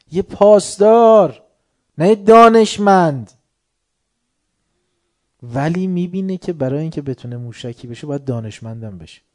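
A man giving a religious lecture, swinging between soft asides and loud, heated outbursts. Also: mid-range voice. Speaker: preacher.

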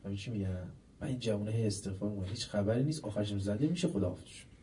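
A man giving a religious sermon, putting rhetorical questions to his listeners and swinging between loud emphasis and quiet asides. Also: fairly low pitch, far from the mic, a little hiss or hum, rough recording. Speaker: preacher.

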